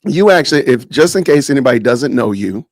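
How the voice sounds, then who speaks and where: A man's voice: mid-range voice, lively intonation, a little fast, no echo. A man hosting a live stream podcast, casual and joking, often saying "man" and "y'all", talking over a video call. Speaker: podcast host.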